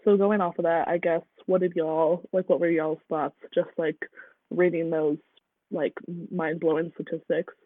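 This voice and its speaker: A high-pitched man hosts a casual discussion, with plenty of "like" and "um" in his speech. His voice comes through thin and phone-like, dry with no room sound. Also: level tone, moderate pace, no room sound. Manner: casual, uses many fillers like "um" and "like". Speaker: podcast host.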